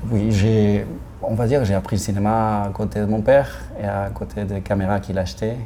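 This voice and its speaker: A man's voice: on the low side, steady tone, a little fast, mellow, a little hiss or hum. A man in his forties from Argentina with an Argentine Spanish accent, a native Spanish speaker, answering interview questions in a hesitant way, restarting often and laughing. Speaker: film director.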